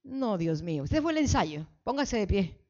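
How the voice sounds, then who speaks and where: A woman pastor leading a call-and-response sermon, fervently exhorting the congregation and building to shouts. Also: mid-range voice, big pitch swings, normal speed, muffled recording. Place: church sanctuary.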